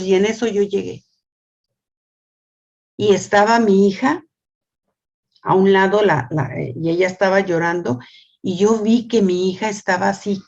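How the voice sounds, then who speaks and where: An older woman gives a church family lesson, often repeating words and asking "¿sí?", and tells stories in a lively voice. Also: medium pitch, gravelly, highs cut off. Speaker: family school teacher. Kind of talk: church teaching talk.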